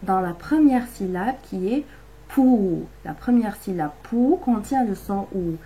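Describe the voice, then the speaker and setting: A woman teaching a lesson to young children at home, explaining each step slowly and patiently, sounding out syllables. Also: medium pitch, animated, mellow, rough recording. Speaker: primary school teacher.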